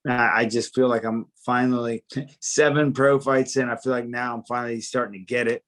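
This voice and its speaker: Jersey-accented fighter, loose and rambling, mid-pitched, lots of restarts. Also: male voice, moderate pace. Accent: New Jersey. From New Jersey. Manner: rambling, animated, frequent fillers and restarts. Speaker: MMA fighter, guest. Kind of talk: casual interview.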